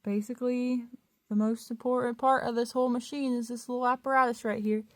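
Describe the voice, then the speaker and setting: A fairly high-pitched woman talks through a hands-on repair in a relaxed, chatty way, now and then apologizing as she fumbles one-handed. Her voice sits close and dry on a phone mic, with no room echo. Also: fairly quick. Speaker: antique restorer. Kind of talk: casual hands-on repair vlog. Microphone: phone held in one hand.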